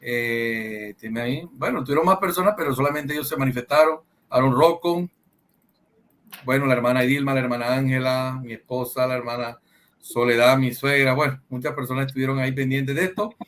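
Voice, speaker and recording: A man's voice: mid-range voice, steady tone, brisk, fairly bright tone. A man hosting an online program, courteous and formal as he thanks his guest and greets the viewers. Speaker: host.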